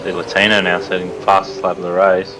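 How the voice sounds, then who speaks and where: A man with a low, deep voice acts as co-commentator on live motorsport. His delivery is casual, built from short informal reactions and remarks. Clear vehicle-like noise runs behind him. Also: flat delivery, fast.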